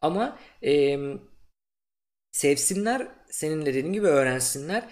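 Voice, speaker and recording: A young man hosting a podcast interview, talking in a relaxed, chatty way with plenty of fillers. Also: fairly high pitch, moderate pace. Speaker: podcast host. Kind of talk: casual interview chat.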